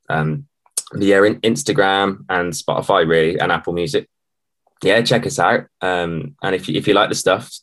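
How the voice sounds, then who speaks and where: A man with a British accent, chatting casually as an interview guest in a halting, matey way. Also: deep voice. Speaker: band musician, interview guest. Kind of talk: casual chat.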